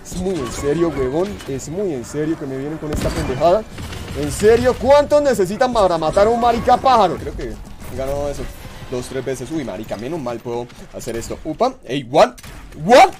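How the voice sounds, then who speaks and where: Young Colombian male streamer with a high voice, brash and foul-mouthed, shifting between muttered asides and shouted outbursts over soft music. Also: big pitch swings, brisk. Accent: Colombian Spanish. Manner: brash and profane, swinging between mumbled asides and yelled outbursts. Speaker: Twitch streamer. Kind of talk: live gaming stream commentary.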